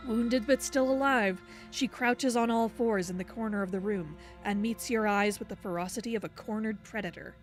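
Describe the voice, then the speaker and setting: A woman reading as a stern, insistent narrator of a dark storybook video game. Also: mid-range voice, normal speed, hardly any pauses, soft background music, natural voice. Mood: stern, dramatic. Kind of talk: dramatic video game narration read aloud.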